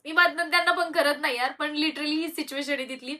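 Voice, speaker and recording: Young woman vlogger, candid and rambling, bright tone, distant mic. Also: high voice, steady tone, fast talker. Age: young adult. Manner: candid, rambling, with frequent hesitations and restarts. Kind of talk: personal storytelling to viewers.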